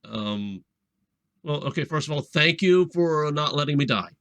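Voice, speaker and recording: A man's voice: on the high side, expressive, normal speed, a bit bright, no room sound. A man playing a fantasy text game, switching between casual chat and dramatic narration.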